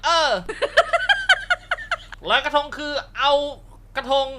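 A man hosting a comedic show where he reacts to social media captions, joking crudely, swearing and laughing often, with sudden shouted outbursts. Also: very high-pitched, little pitch movement, slow, heavy background noise. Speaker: host.

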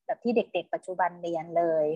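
A middle-aged woman with a Thai accent teaching her child English, reading lines slowly and clearly for repetition. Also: on the low side, warm tone, no room sound, muffled recording. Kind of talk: casual online reading lesson.

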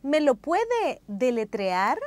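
A woman narrating a language course in a slow, clear, explanatory way. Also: sits high, sing-song, no echo. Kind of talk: scripted lesson narration.

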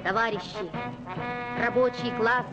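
Casting: female newsreel narrator, fairly high voice, measured storytelling pauses, dull 1980s film sound with music underneath. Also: steady tone. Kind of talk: scripted newsreel narration for a children's documentary film.

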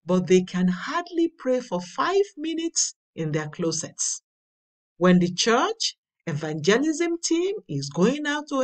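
Slow, lively-voiced woman reading a devotional. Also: on the high side, far from the mic. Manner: slow, deliberate reading with emphatic swells. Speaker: devotional reader. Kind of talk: slow read devotional with scripture.

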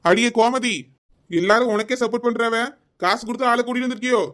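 A man's voice: extremely high pitch, fast talker, fairly bright tone. A man voicing a scolding, complaining middle-aged village husband in a cartoon comedy, with a Kanyakumari Tamil accent.

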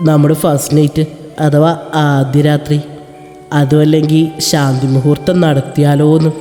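A woman voicing a playful, teasing young husband who talks low and coaxing in a romantic audio story. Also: flat delivery, moderate pace, warm tone, natural voice. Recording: echoey reverb with faint music.

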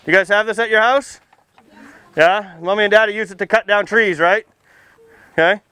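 An American firefighter, outdoors under a tent by a fire truck, runs an informal demonstration for young children, asking simple questions in a projecting, folksy way. He speaks at normal speed in a high voice against a noisy background.

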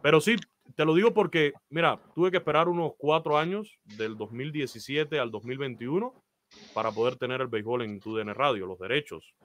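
Here a baseball announcer from Cuba, in his thirties, earnestly recounts his career and gives advice over a video call from a small indoor room. His Cuban Spanish accent comes with frequent "eh" fillers, and his medium-pitched voice is brisk with a fairly bright tone.

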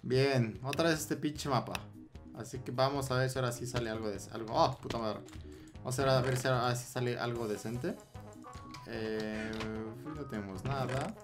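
A young man with a Mexican accent giving excitable gameplay commentary, swearing and repeating words in rapid bursts. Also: medium pitch, over music. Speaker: Minecraft gameplay YouTuber.

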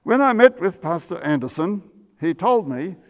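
An old man in his eighties sits at a table in a church sanctuary and lectures as a pastor, recalling events in a steady, measured way. His voice sits a little high for a man. The room adds a long, lingering reverb. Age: 80s. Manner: measured storytelling, some self-corrections. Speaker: pastor giving a history lecture.

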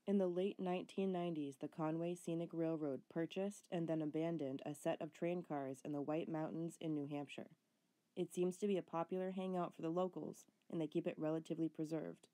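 A woman speaking in a nervous, hushed whisper in a night exploration vlog. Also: low-pitched, steady tone, brisk. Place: outdoors at night by railway tracks.

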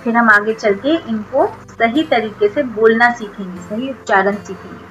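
A woman with an Indian accent teaching young children an English lesson, explaining each sentence and slowly drilling the pronunciation of words. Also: on the high side, a bit bright, slight background noise, low-quality recording. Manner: slow, careful word-by-word pronunciation drills.

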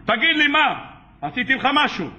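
A sly market seller voiced by a man brushes off an angry customer with calm reasoning. His voice sits high and bright, and he stays unbothered. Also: dull audio, exaggerated voice. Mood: innocent.

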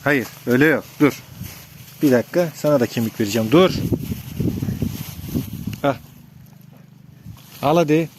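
A man's voice: medium pitch, moderate pace, long pauses. A man vlogging while feeding dogs outdoors, giving firm commands to the dogs and casual asides to his viewers. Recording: noisy outdoor recording.

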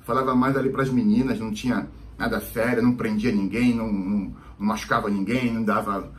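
Um homem com sotaque carioca contando uma história num vlog, falando solto, cheio de gírias e muletas. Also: male voice, fairly low pitch, steady tone, fast talker. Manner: rambling, slangy, lots of fillers. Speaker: vlogger. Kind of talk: casual storytelling vlog.

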